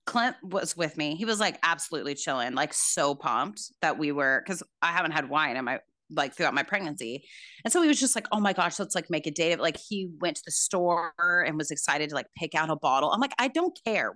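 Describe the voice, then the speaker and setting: A woman's voice: low voice, lively intonation, brisk, bright, forceful tone, no room sound, studio quality. A woman casually telling a personal story in a chatty way, with lots of fillers. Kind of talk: casual chat.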